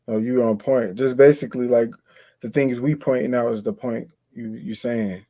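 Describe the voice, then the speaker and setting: A man's voice: mid-range voice, fairly even intonation, normal speed, dark tone, no echo. A man, explaining ideas in a loose, conversational way as co-host of a spiritual talk. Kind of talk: casual spiritual discussion.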